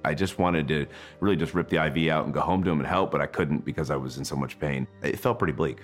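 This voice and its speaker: A man's voice: very deep voice, fast. A man telling a personal account in a documentary interview. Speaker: interviewee recalling a hospital stay. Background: faint music.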